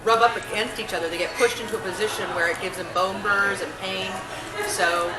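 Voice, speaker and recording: A chatty mother answering questions at a casual restaurant meetup, explaining as she goes. Her voice sits at a middle pitch, and the room around it echoes. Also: fairly even intonation, fairly quick. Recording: roomy echo.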